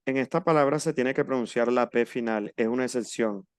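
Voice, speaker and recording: A man teaching a French class over a video call, patiently slowing down to model pronunciation. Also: mid-range voice, darkish tone, smooth, no room sound, studio quality. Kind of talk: online class instruction.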